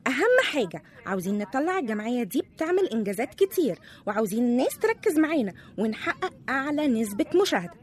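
An actress playing a vain, bossy woman TV reporter who bosses her assistant, with an Egyptian accent. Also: sits high. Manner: fussy, bossy, rapid.

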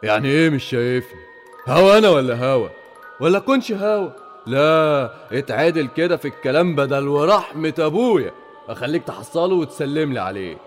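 A man's voice: on the high side, expressive, a little fast, soft background music, pitched below the performer's own voice, natural voice. An Egyptian-accented actor voicing a menacing, boastful male thug alter ego. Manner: gruff, threatening, swaggering.

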